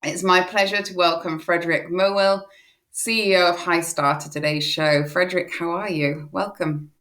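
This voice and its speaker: A woman's voice: on the low side, steady tone, normal speed, fairly bright tone. A woman hosting a podcast interview, upbeat and chatty, reading a scripted intro. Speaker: podcast host.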